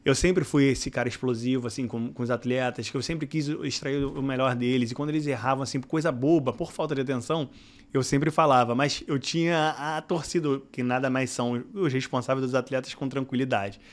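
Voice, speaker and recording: A middle-aged Brazilian man, a football director guest, telling anecdotes in casual podcast chat, his voice climbing when he gets excited. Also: medium pitch, a little fast.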